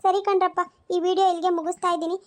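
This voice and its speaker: A woman's voice: extremely high pitch, flat delivery. A woman closing her cartoon video and asking viewers to like, share and subscribe. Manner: quick, pleading. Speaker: cartoon channel creator. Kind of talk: channel outro asking for subscriptions.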